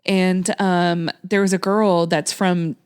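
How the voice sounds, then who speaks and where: Slow and fairly low-pitched, with little pitch movement, this woman's voice has a darkish, clear, resonant tone. She's a late-thirties podcast host from Texas in a relaxed chat with a guest, full of laughs and ums.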